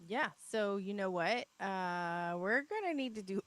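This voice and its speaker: A chatty woman co-host, breezy and quick to laugh, guiding a casual live podcast. Her voice sits in the middle of the range. The recording is dry and close, with almost no room sound. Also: medium pitch, lively intonation, a bit bright, dry recording. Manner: chatty, laughs often, upbeat. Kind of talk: casual live-stream chat.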